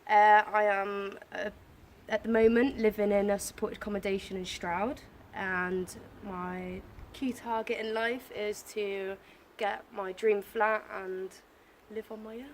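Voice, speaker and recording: A woman's voice: medium pitch, little pitch movement, measured pace, slight background noise. A woman of twenty, a care leaver, talking earnestly to camera about her life. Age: 20s. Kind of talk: interview to camera.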